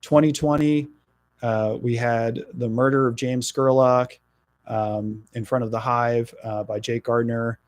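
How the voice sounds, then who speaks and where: On a radio interview, a middle-aged New Jersey man who is running for office talks at a medium pitch with a flat delivery and no echo. He's earnest yet halting, with frequent fillers throughout.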